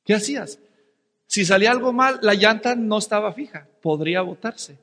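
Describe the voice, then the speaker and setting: Dramatic preacher in a reverberant hall. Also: male voice, sits high, moderate pace. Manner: dramatic storyteller, shouting and whispering for effect. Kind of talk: sermon with personal story.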